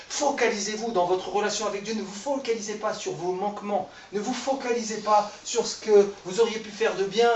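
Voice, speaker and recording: Man in his thirties, informal preacher, chatty and self-mocking, heard from a distance in a roomy hall. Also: sits high. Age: 30s. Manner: conversational, self-deprecating, jokes with the audience. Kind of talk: informal sermon. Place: church hall. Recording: echoey room, voice from far off the mic.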